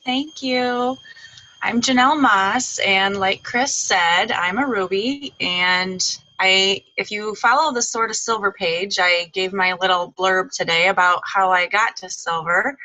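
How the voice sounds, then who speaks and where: A woman's voice: mid-range voice, pushed and bright, no room sound, rough recording. A woman giving a chatty, casual recap on a video call, with plenty of "um" and "like" fillers. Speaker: guest speaker. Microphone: video call microphone.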